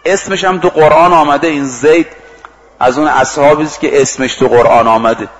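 Man preaching with a slightly high voice. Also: low-quality recording. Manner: lively storytelling that acts out quoted exchanges and chants scripture and verse. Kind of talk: storytelling sermon.

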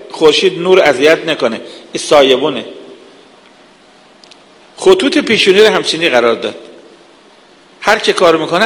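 A man's voice: on the high side, a bit bright. A man giving an earnest sermon, lecturing with vivid everyday examples. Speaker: preacher. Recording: long hall reverb.

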